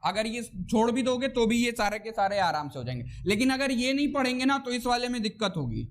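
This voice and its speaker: A man's voice: very high voice, sing-song, brisk. A man teaching a physics class to students in a chatty, repetitive way, often asking "theek na" and scolding or teasing the class. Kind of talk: classroom lecture.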